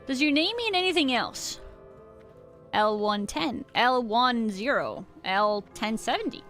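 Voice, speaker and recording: A woman's voice: fairly high pitch, expressive, a little slow, fairly bright tone, faint music behind. A woman game streamer chatting casually with her viewers in a rambling, slangy, informal stream of talk. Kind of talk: casual live-stream chat with viewers while gaming.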